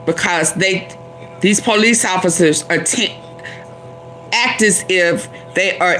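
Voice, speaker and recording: Host, female; slow, sharp tone, halting delivery. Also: fairly low pitch, rough recording. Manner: halting, restarts. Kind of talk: commentary on clips.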